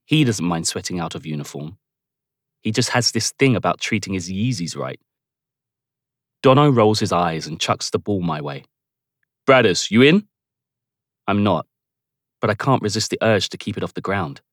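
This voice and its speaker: A man's voice: sits low, animated, moderate pace, no room sound, studio quality. A man narrating a first-person teen novel in a cocky, playful manner, voicing the other characters too. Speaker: audiobook narrator.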